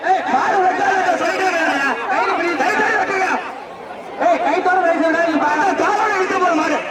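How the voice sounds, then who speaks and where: A man announcing a bull-taming event through a loudspeaker, calling out loud rapid announcements and barked commands. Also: very high voice. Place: outdoor festival arena. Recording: echoey loudspeaker heard from far off. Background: loud cheering crowd and heavy noise.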